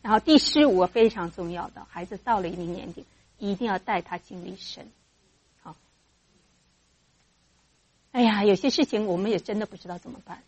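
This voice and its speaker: Husky-voiced woman teaching mothers. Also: medium pitch, moderate pace, pauses often. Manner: lively, acts out parent and child voices. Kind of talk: church teaching talk.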